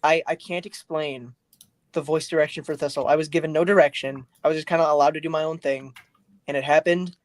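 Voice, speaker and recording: Animated male fan voice actor, stammering restarts, dry close sound. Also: a little high, fairly quick, dry recording. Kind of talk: casual group chat.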